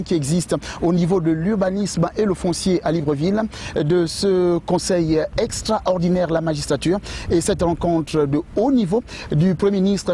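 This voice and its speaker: Male presenter, warm mellow tone, a bit high, some noise behind. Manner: brisk questions with short acknowledgements. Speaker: studio presenter. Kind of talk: news magazine presenting.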